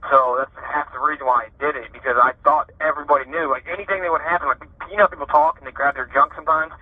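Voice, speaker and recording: A man in his thirties from Ohio, a prison inmate calling on a prison phone and telling his story in a halting way, with many fillers and restarts. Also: fairly high pitch, steady tone, slightly rough, no echo. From Ohio, USA. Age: 30s. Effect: heard over a prison phone line. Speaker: prison inmate being interviewed. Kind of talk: candid personal account. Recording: tinny prison phone line.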